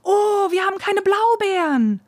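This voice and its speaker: A woman voicing a brave little girl in a storybook reading, bright and determined. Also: high-pitched, moderate pace, breathy edge, dry recording, studio quality. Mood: eager.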